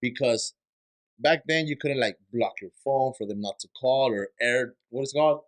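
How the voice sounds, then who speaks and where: A man's voice: medium pitch, moderate pace. A man co-hosting a podcast in casual chat, telling stories and acting out little scenes. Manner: animated storyteller, acts out little scenes. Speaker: podcast co-host.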